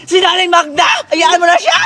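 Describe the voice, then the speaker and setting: A performer voicing a pushy, cheeky little girl who talks loudly and giggles, with loud music behind. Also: extremely high pitch, fairly even intonation, normal speed.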